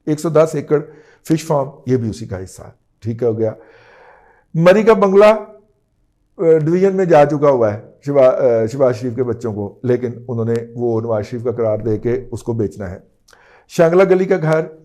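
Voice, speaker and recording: A man's voice: medium pitch, mellow. A man, giving an emphatic news-analysis monologue as a political commentator, often checking in with the listener.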